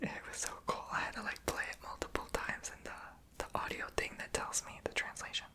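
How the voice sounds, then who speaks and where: In her ASMR video, a woman whispers and rambles conversationally, explaining that she is tongue-tied and pronounces her r in her throat.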